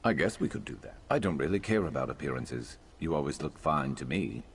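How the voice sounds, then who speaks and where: A man's voice: rumbling low, lively intonation, a little fast, slight background noise. An actor playing an aloof, blunt, unbothered male companion in video game dialogue. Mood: indifferent. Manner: blunt, indifferent.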